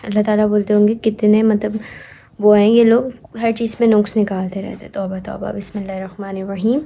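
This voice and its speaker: A woman's voice: medium pitch, level tone, a little fast, gravelly, dark tone, lo-fi sound. A young woman chatting casually to her viewers in a vlog, often slipping English words into her talk. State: tired and out of breath. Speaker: vlogger.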